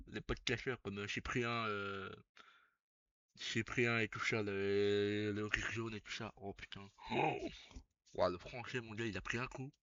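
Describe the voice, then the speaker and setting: Casual streamer with a low voice. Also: male voice, fairly even intonation, unhurried, no room sound, muffled recording. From Belgium. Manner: casual, swearing, loud bursts of laughter. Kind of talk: live stream reaction commentary.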